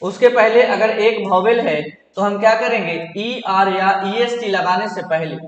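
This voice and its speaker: Male grammar teacher with a high voice who drills by question and answer, recorded in a roomy, echoing hall. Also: measured pace, highs cut off, a crowd in the background. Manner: asks questions and answers them himself, repetitive drilling. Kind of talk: classroom grammar lesson in Hindi. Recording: echoey hall, roomy reverb.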